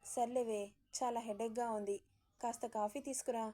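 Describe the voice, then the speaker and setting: A woman voicing a bossy, chatty middle-aged mother-in-law who scolds with brisk questions. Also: on the high side, steady tone, dark tone, natural voice.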